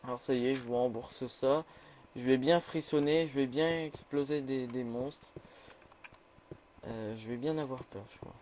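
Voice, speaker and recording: A man chatting through a game, nervous and quick to say he is scared. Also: mid-range voice, a little mellow, slight background noise. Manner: jumpy, chatty, easily scared. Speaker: gamer. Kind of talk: casual let's play commentary.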